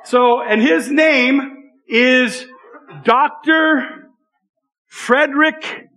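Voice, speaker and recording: A man gives an interactive sermon for children. His voice is very high for a man and brightly forceful. He puts questions to his young listeners and repeats key phrases for them. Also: extremely slow, low-quality recording. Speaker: children's church preacher.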